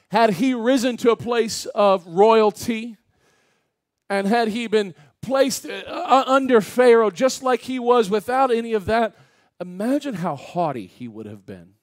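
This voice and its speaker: A man preaching a Sunday school sermon in a church, asking the congregation questions, dropping to a hush and then rising loud and emphatic, with the odd joke. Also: sits high, animated, a little slow, no echo, clean studio sound. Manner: swings from hushed to loud and emphatic, asks the room questions; jokes with the congregation. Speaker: pastor. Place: church sanctuary.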